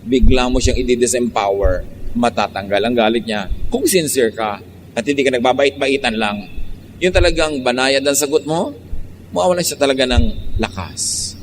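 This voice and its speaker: A man's voice: mid-range voice, normal speed, in a large hall, slight background noise. A man from the Philippines with a Filipino accent preaching a sermon, switching between Tagalog and English in an emphatic, teasing way.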